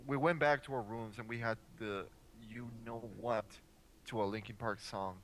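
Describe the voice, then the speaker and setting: A young man doing a mocking dramatic reading in a deadpan, exasperated way. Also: on the low side, normal speed, slight background noise.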